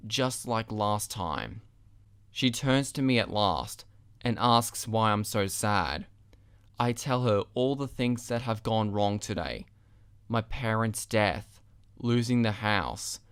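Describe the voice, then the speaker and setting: A man narrating a first-person story as a scripted dramatic reading, measured and drawing out some phrases. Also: fairly low pitch, a little hiss or hum.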